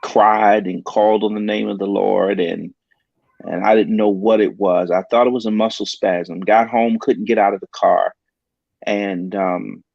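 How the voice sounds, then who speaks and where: A low-voiced pastor tells a personal story earnestly and haltingly, often pausing on ums, with fairly even intonation and vocal fry. The dry, dull sound resembles a lo-fi talk-show recording, with no room sound.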